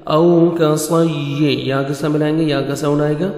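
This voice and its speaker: A man teaching Quran recitation, explaining each letter's pronunciation in brisk steps and chanting verses slowly and melodically. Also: fairly high pitch, little pitch movement, darkish tone, echoey room, in a large hall.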